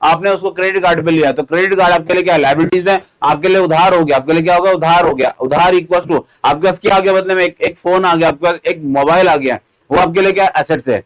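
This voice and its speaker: Man, teacher, slightly high voice, lecture style, repetitive, asks and answers own questions. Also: fast talker, few pauses, poor audio. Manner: repeats key points, asks and answers his own questions; acts out student questions himself. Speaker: accountancy teacher. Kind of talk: classroom lecture.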